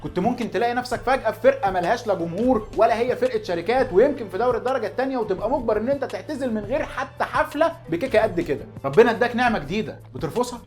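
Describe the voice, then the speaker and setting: A man's voice: extremely high pitch, expressive, very fast, few pauses, darkish tone, soft background music. A man in his twenties with an Egyptian Arabic accent, talking naturally and unscripted to the camera as a football fan host, earnest and insistent with rhetorical questions. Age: 20s.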